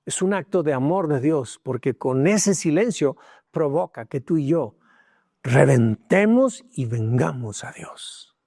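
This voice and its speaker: A man preaching a sermon as pastor, telling a personal story with emotion, dropping to hushed tones and rising again. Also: fairly high pitch, lively intonation, a little slow, no room sound, clean studio sound. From Mexico. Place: church.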